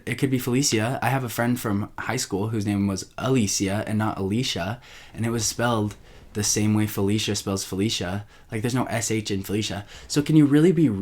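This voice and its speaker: A young man hosting a solo podcast, rambling casually and interrupting himself as he chats. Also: fairly low pitch. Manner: rambling, self-interrupting, chatty. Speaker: podcast host.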